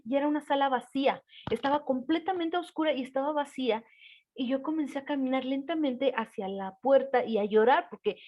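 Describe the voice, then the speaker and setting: Woman, casual storyteller, slightly high voice, hesitant delivery, audible background noise. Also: a little mellow, poor audio. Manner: hesitant, many fillers, gestures while telling.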